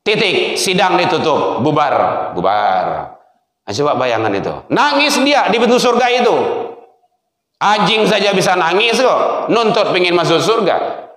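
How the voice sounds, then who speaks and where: Minangkabau man preaching, high voice, very echoey hall, lively storyteller. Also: normal speed. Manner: animated storytelling, swings between loud exhortation and low asides. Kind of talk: sermon.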